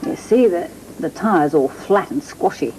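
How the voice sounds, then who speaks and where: A woman's voice: on the low side, animated, measured pace, very noisy. A woman with an Australian accent, presenting a children's TV show and playfully talking to young viewers in a 1980s studio recording. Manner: bright, playful, child-directed.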